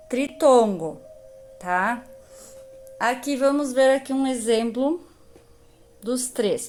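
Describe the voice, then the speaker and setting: Slow, patient Brazilian teacher, woman. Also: a little high. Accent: Brazilian Portuguese. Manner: slow, patient, stretches out example words. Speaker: primary school teacher. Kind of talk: recorded grammar lesson.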